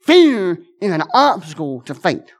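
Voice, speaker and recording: A pastor's high, very animated voice leads a conversational sermon, earnest throughout. He doubles back on his wording, restarting and repeating phrases, and his asides come fast while his weighty lines come slow.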